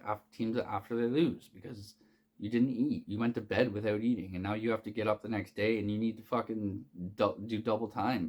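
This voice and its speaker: Rambling, profane man with a low voice. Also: darkish tone. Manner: rambling, profane, many fillers and restarts. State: hiccuping. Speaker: sports betting picks host. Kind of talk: casual unscripted sports betting talk.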